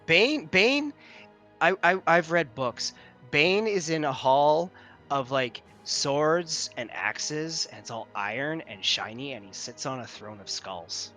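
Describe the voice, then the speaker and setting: A man voicing an unsettling little girl who speaks bluntly and flatly in a tabletop game. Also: medium pitch, measured pace, faint music behind, close to an everyday voice. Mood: excited. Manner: flat, matter-of-fact delivery.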